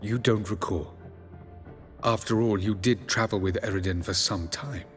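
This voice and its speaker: An actor playing an aloof, ancient elven sage who speaks in a measured, formal, faintly sardonic way. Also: male voice, on the low side, fairly even intonation, lightly acted. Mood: cool formal. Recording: game audio with music behind.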